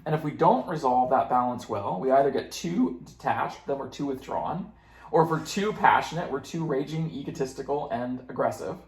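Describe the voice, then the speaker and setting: A man's voice: mid-range voice, moderate pace, reverberant. A man hosting a casual conversation, explaining ideas at length with many fillers and playfully acting out quoted voices. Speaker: host.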